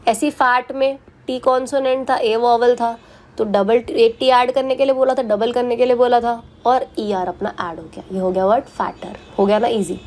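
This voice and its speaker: High-voiced woman teaching English grammar. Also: steady tone, a little mellow. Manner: patient, reassuring, repeats example words slowly. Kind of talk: Hindi-English classroom explanation.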